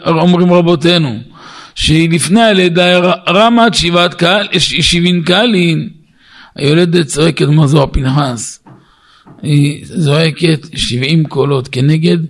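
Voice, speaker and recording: A man, a rabbi, giving a Torah lesson in a storytelling way, asking and answering his own questions and rising high and loud to stress points. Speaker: rabbi teaching a class.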